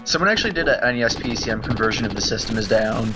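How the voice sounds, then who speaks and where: A man co-hosting a casual gaming livecast, breaking into quick excited pop-culture references. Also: fairly low pitch, over music, rough recording. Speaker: livecast co-host.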